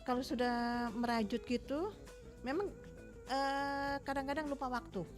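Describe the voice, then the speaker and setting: A woman guest on a radio talk show, explaining her craft in an unhurried, step-by-step way. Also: sits high, steady tone, soft background music. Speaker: guest, crochet shop owner.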